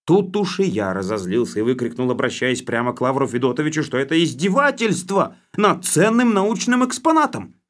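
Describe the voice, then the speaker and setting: A male narrator reading an audiobook in a lively, expressive way. His pitch moves a lot as he tells the story. His voice sits in a middle register. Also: fairly quick, hardly any pauses.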